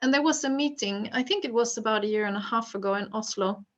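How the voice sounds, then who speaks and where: Female panel moderator, on the higher side, tentative phrasing, a little lo-fi in sound. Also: fast talker, a bit bright. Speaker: interviewer, moderator. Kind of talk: panel interview questioning.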